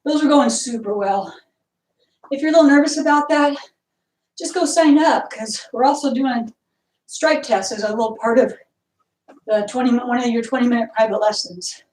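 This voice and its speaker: A woman's voice: on the high side, moderate pace, pauses often, a little mellow, distant mic. A woman instructor leading an online martial arts workout, cueing and counting moves, getting out of breath. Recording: echoey room, voice from afar.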